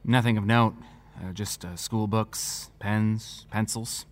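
A man's voice: fairly low pitch, steady tone, takes it slowly, big-room sound, a little hiss or hum. A man playing a stern, exasperated, protective small-town sheriff in an audio drama, scolding and emphatic. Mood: guarded. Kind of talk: naturalistic audio drama acting.

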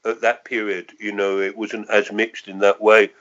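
Recorded with lo-fi sound, this man from London, England, in his sixties, recalls earlier days for an oral history interview. He speaks at a moderate pace in a low-leaning, fairly bright voice with a flat delivery, reflective and hesitant, repeatedly going back to qualify his points.

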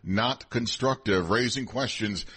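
A man's voice: lowish voice, unhurried, fairly bright tone, slightly rough. A man anchoring a radio newscast, reading scripted world headlines. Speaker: news anchor.

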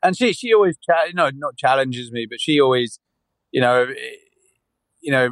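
With a fairly bright, medium-pitched voice at normal speed, a UK podcast guest in his forties chats casually in an interview. He rambles, often restarting and filling gaps with "yeah" and "you know." The audio is poor, without echo.

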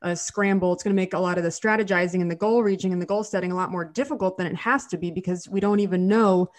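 A woman's voice: lowish voice, steady tone, fast talker. A woman hosting a casual podcast with a nasal, congested voice from a cold, repeating words as she goes. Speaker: podcast host.

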